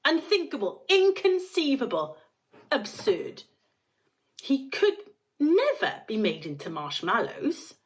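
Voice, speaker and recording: A woman voicing an eccentric male chocolate maker in a storybook, blithely soothing, excitable and emphatic. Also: high voice, slow, pitched above the performer's own voice, exaggerated voice. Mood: emphatic, delighted. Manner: exclamatory, emphatic, repeats himself.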